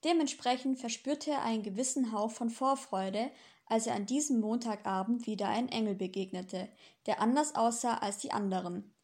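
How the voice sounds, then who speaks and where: A woman narrating a novel chapter as an audiobook in a steady, even storytelling manner. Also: on the high side, normal speed. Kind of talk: scripted narration.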